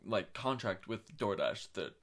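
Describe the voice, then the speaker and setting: A man's voice: lowish voice, animated, a little slow, a bit bright. A young man co-hosting a podcast, talking in a laid-back way, swearing freely and doing mock-sweet impressions of himself at work. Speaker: podcast co-host. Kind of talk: casual chat.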